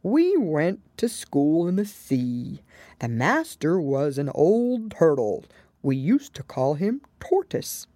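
A weeping storybook Mock Turtle, male and mournful, with a deep and hollow tone, as a woman reader puts him on. He speaks slowly and heavily. The sound is close and dry. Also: very animated, dark tone, dry recording, full character voice.

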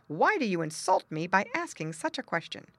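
A woman's voice: on the low side, big pitch swings, normal speed, fairly bright tone, dry recording. A woman doing a prim, affronted squirrel. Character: neat, self-satisfied male squirrel.

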